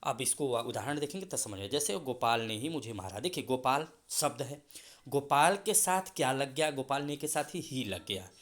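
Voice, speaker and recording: A male school teacher giving a grammar lesson, explaining slowly, repeating example words and calling the students "beta". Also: medium pitch, lively intonation, fairly bright tone.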